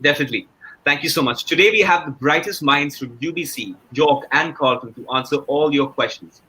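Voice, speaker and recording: A man's voice: on the high side, brisk, bright, forceful tone, slightly rough, poor audio. A young man moderating a panel with formal, scripted introductions.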